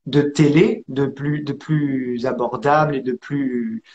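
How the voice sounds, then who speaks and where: A man from France telling his story as an interview guest, hesitant with many pauses and restarts. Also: medium pitch, steady tone, darkish tone, lo-fi sound. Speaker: interview guest, acrobat and actor.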